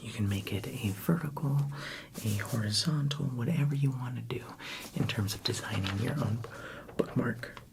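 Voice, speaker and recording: A man doing a whispered role-play as a friendly librarian, in a soft library whisper, talking gently and chattily to the listener. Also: mid-range voice, normal speed, very noisy. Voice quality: soft, breathy library whisper with gravelly edges. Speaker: ASMR performer playing a friendly librarian.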